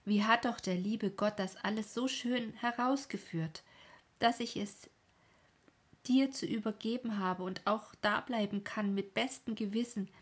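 Woman playing a solemn, warm village mother. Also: mid-range voice, a little slow, breathy edge, voice pushed up.

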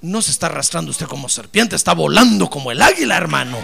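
A man preaching a fervent sermon as pastor, calling out to his listeners as brothers and breaking into loud praise. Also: a little high, big pitch swings, fast talker, creaky, husky. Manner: bursts into loud praise shouts.

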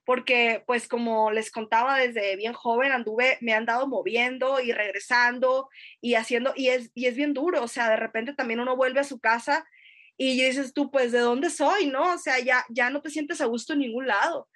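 On a casual podcast, a Sonoran woman in her thirties tells personal stories in a steady, slightly bright, high-leaning voice at normal speed. Her northern Mexican accent comes through as she hesitates, restarts, and drops in fillers and tag questions.

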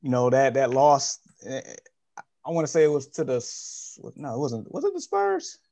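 A man's voice: mid-range voice, wildly swooping pitch, normal speed, creaky, warm tone. A man co-hosting a sports podcast in casual chat, talking conversationally and correcting himself as he goes. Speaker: podcast co-host.

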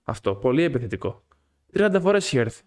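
Animated young man telling a story. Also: medium pitch. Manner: animated storyteller, swears a lot. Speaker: podcast co-host. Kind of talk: casual podcast chat. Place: podcast studio.

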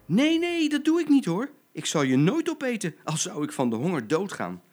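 A man's voice: mid-range voice, moderate pace, lightly acted. An older man voicing an eager, kind-hearted young lion cub with a childlike voice in a storybook. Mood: insistent.

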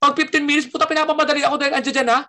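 A man's voice: extremely high pitch, rapid-fire. A man from the Philippines, a stand-up comedian telling stories in casual chat and acting out the quotes in them. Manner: animated storyteller acting out quotes.

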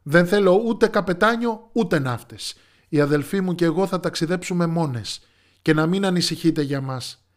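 A man's voice: fairly high pitch, natural voice. A man voicing a brave, bossy young princess in rags from a fairy tale, speaking firmly. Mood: commanding. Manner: firm, commanding speech.

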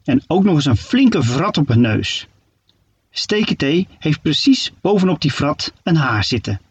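A man narrating a children's story with playful, expressive delivery. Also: fairly high pitch, measured pace, breathy edge, highs cut off.

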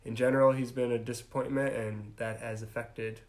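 A man's voice: mid-range voice, little pitch movement, normal speed. A man on a casual podcast panel, starting his thoughts with hesitant "uh"s. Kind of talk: casual chat about fantasy football.

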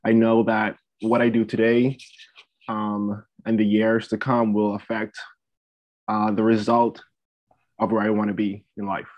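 A Bahamian man in his twenties, a student athlete and entrepreneur, appears as a podcast guest in a casual interview. His lowish voice stays level and unhurried, and he hesitates and repeats phrases while thinking. The audio is dull and lo-fi.

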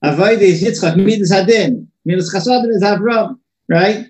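A man's voice: high voice, normal speed. A man giving an informal religious lesson, talking loosely and often repeating and restarting his words, heard in an echoey room. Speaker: religious teacher.

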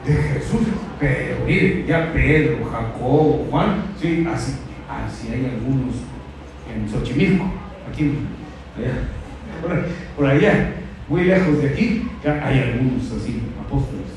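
A man preaching a sermon, acting out quoted voices and rising to shouts. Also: mid-range voice, unhurried, slight background noise. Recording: echoey hall, mic from a distance.

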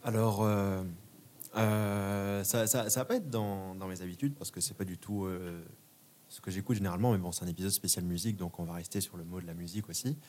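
A man's voice: sits low, fairly even intonation, fairly quick, darkish tone. A young man in casual podcast chat, hesitant and full of fillers. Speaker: podcast co-host. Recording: faint background noise.

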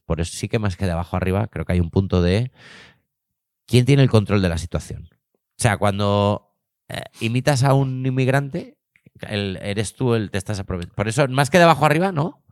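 Man, deep, halting, casual chat, dry sound. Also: animated, no room sound. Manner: hesitant, thinks aloud with many restarts. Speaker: podcast co-host. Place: bar.

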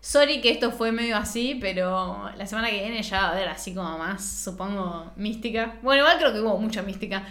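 A woman's voice: mid-range voice, a little fast, hardly any pauses, fairly bright tone. Chatty Rioplatense woman, echoey room. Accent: Rioplatense Spanish. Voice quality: slightly nasal. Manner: chatty, slangy, self-mocking. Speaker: podcast co-host. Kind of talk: casual podcast chat.

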